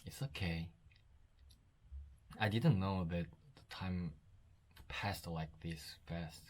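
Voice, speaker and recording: A man with a Korean accent chatting casually to his vlog in halting, simple second-language English, on a noisy handheld recording. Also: low voice, a little mellow. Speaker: vlogger.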